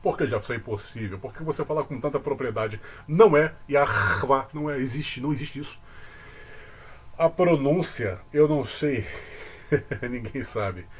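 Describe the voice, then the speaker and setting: A man with a Brazilian accent explaining religious ideas in casual talk, deliberate, with asides to the viewer. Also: medium pitch, lively intonation, breathy edge. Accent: Brazilian Portuguese. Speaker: religious commentator.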